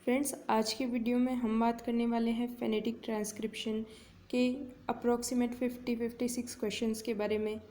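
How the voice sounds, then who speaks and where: Indian woman teacher, patient exam-prep lesson, slow, soft mellow tone. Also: a little high, level tone, slight background noise. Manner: slow, patient explaining, reads questions out word by word. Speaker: English teacher.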